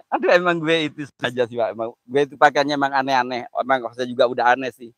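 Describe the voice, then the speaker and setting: A man's voice: medium pitch, fairly quick, a bit bright, no echo. A man hosting a live stream, joking around, laughing often and thanking viewers by name.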